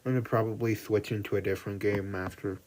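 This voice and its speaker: A man's voice: on the low side, steady tone, quick pace. A young man chatting casually to himself on a livestream, rambling and self-deprecating. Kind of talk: casual solo stream chatter. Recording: loud background noise.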